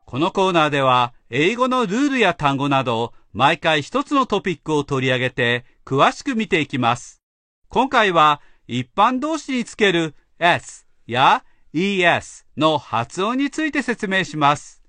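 Guy teacher explaining stuff slowly, lively pitch, dry studio sound. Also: dry recording. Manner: slow, careful explaining. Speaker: English teacher. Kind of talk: instructional narration.

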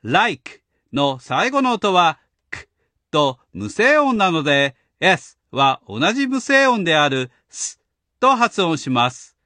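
A man teaches grammar in a lesson, his voice pitched high and moving widely. He speaks slowly and clearly, with a patient, instructional manner. The recording is close and dry. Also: very animated, pushed and bright, no room sound. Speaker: language teacher host. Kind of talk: explaining grammar in a radio lesson.

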